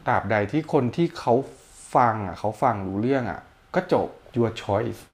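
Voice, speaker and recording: A man's voice: medium pitch, a little slow, gravelly. A man with a Thai accent, co-hosting a casual chat and explaining things eagerly with examples. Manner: animated, explains with examples and laughs. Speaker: podcast co-host.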